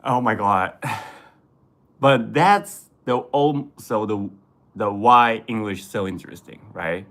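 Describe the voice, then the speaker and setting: A man from Japan with a Japanese accent chats on a livestream in English, his second language, talking slowly and unhurriedly. He halts and restarts his words often, and laughs easily between thoughts. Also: lowish voice, fairly bright tone. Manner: halting, self-correcting, laughs often. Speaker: vlogger reading live chat. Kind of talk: casual livestream chat.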